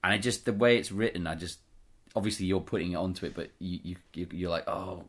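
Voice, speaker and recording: A man's voice: deep voice, fast talker, a bit bright. A man co-hosting a podcast, chatting eagerly about horror stories, trailing off and quoting lines aloud. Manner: enthusiastic, trails off and restarts, quotes lines aloud. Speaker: podcast co-host. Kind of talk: casual chat about horror fiction.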